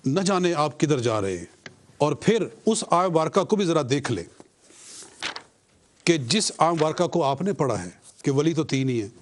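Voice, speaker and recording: A man in a religious debate, chanting scripture and then explaining it in earnest, measured speech while addressing an opponent. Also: a little high. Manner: addresses an opponent directly, argumentative.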